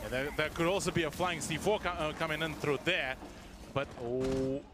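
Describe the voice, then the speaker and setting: A man's voice: fairly high pitch, steady tone, moderate pace. A man giving live esports commentary in a wordy, analytical way. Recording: faint background noise.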